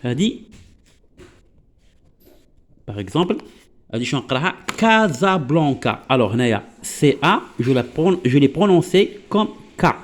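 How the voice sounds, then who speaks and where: A man's voice: medium pitch, expressive. Patient Moroccan man teaching a lesson. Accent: Moroccan Arabic. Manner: patient, repetitive, checks understanding often; spells out and slowly repeats example words. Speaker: French teacher. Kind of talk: classroom-style lesson explanation.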